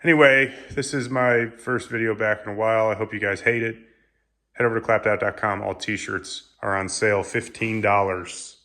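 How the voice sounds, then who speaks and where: A man's voice: lowish voice, fairly even intonation, normal speed, bright, forceful tone. A man hosting a casual car-build vlog, talking in a plainspoken, matter-of-fact way and running through part costs. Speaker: car builder and channel host.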